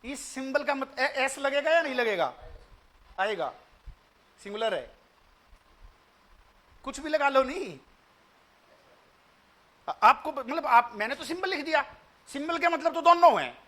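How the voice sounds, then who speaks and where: High, bright-voiced Indian math teacher. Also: male voice, animated, a little slow, pauses often. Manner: explains patiently, repeats points, coaxes students with questions; switches freely between Hindi and English. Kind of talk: online demo math lecture.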